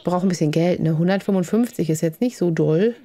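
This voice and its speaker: Female let's play host, mellow and soft-toned, casual running commentary, coos affectionately at her in-game pets. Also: on the low side, fast talker, slight background noise.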